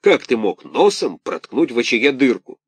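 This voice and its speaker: A man voicing a huge bearded, bad-tempered puppet master who barks slow, loud shouts in a storybook reading. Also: medium pitch, big pitch swings, husky, dry recording. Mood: gruff questioning.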